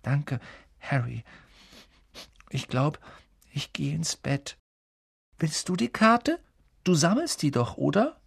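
A man's voice: sits high, steady tone, normal speed, gravelly, few pauses, darkish tone, husky, dry recording, clean studio sound, voice pushed up, exaggerated voice. Man voicing a shaky, timid schoolboy. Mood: subdued. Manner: shaky, pleading voice. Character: timid, tearful teenage schoolboy. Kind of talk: audiobook character voice.

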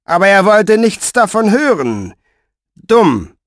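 A man's voice: high-pitched, big pitch swings, takes it slowly, a bit bright, no echo, studio quality, voice pushed up, exaggerated voice. A man reading an audiobook, voicing a cruel, mocking male villain commander in a raised, sneering voice. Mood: scornful. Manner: mocking, menacing.

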